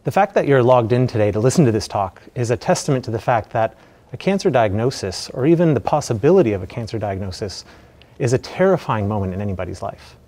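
Man, thirties, American accent, mouth covered by mask, slightly muffled, mid-pitched, measured medical lecturer. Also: expressive, dark tone. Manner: measured, explanatory. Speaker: radiation oncologist giving a lecture. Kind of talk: educational medical presentation. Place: indoor presentation room. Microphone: lapel mic.

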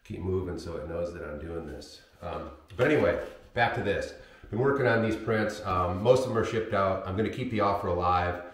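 A very low-pitched man speaks through a thick, booming echo that rings around his home darkroom. He rambles and apologizes with lots of ums and uhs, picked up on the camera's built-in mic instead of a wireless mic. It sounds like a casual livestream. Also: fairly quick, few pauses. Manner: rambling and apologetic, many fillers. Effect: heavy booming room echo. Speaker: photographic printmaker livestreaming. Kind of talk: casual live stream chat. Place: home darkroom workspace with sink. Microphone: camera's built-in mic, wireless mic failed.

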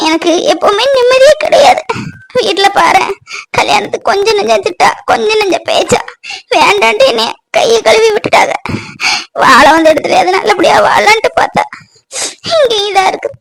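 A woman's voice: lively intonation, normal speed, gravelly, a bit bright, full character voice, rough recording. A woman voicing a tearful young newlywed girl who cries and pleads in a cartoon family drama. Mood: sobbing, pleading. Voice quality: high, crying, sobbing.

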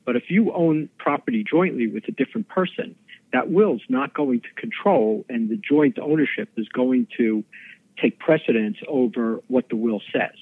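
Fast-talking attorney man on a tinny line. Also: medium pitch, expressive, breathy edge, no echo. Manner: fast explanatory talk with many fillers and restarts. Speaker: attorney guest. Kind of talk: podcast interview explaining law.

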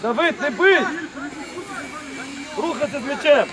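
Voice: high voice, unhurried. A youth football coach calling players by name and giving directions from the touchline. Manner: calls players by name and gives calm directions. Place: outdoor football pitch.

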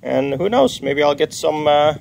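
Gravelly man doing a DIY walkthrough. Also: a little high, lively intonation, moderate pace, a little hiss or hum. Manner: rambling, self-correcting, plain-spoken. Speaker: DIY video maker. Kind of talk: casual how-to walkthrough. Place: outdoors on a paver driveway.

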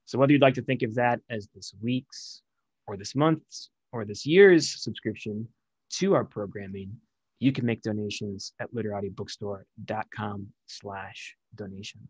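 A young man introduces a bookstore's online reading from notes, pausing now and then on small fillers. His voice is low-pitched and husky. It sounds dry and close on his video-call headset. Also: a little mellow, no echo, low-quality recording. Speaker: bookstore event host. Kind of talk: scripted event introduction.

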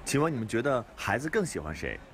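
A man asking people questions on the street in a quick, playful way. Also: medium pitch, sing-song, slight background noise. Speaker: street interviewer. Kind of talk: vox-pop questions.

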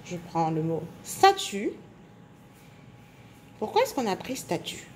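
A woman teacher giving a phonics lesson to young children, speaking slowly and clearly articulating, stretching out sounds and syllables. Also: medium pitch, very animated, a little mellow, slight background noise. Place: indoors at a table.

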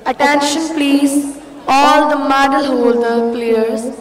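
A woman making public address announcements over a PA system at a sports event, calling out slowly and repeating herself. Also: high-pitched, level tone. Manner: slow, repetitive call-outs. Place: large indoor sports arena. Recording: echoey PA heard from far off. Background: loud crowd and hall noise.

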